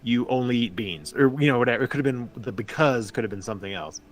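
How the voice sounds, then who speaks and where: A man's voice: mid-range voice, fast. A man co-hosting a casual livestream chat about tabletop games, easygoing and joking. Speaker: podcast co-host.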